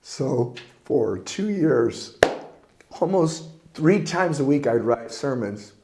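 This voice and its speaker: A man's voice: medium pitch, very animated, slow pace, noisy background. An older man, a pastor, preaching a conversational sermon in a folksy, earnest way with frequent chuckles.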